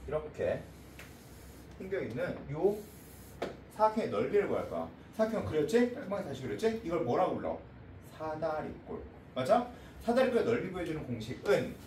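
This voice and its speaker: A man teaching a math class in a brisk lecture, working through a problem and checking in with the students often. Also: on the high side, darkish tone, slight background noise. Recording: echoey room, heard from a distance.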